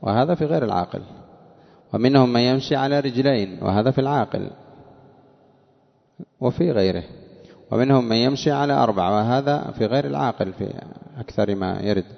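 A man teaching classical Arabic grammar slowly and deliberately. He asks questions and answers them himself, and he chants the verses he quotes. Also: medium pitch, vocal fry, big-room sound, lo-fi sound.

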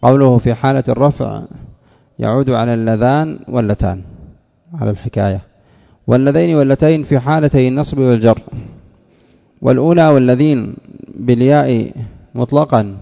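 A man teaching a grammar lesson, explaining a text in a measured way and repeating phrases to drive each point home. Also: medium pitch, gravelly. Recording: dull lo-fi sound with long hall reverb.

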